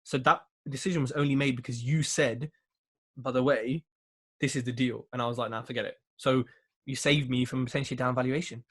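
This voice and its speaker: A man's voice: mid-range voice, fairly even intonation, a little fast, slightly rough. Breezy man hosting a live Q&A, joking and slangy, mid-range voice. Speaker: show host asking listener questions. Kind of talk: casual live Q&A chat.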